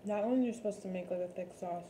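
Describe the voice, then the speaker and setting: A woman's voice: medium pitch, fast talker, warm tone. A young woman chatting playfully as she cooks, rambling into silly asides about her food. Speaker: cooking vlogger. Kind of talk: casual cooking chat. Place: home kitchen. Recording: noisy kitchen with sizzling pan.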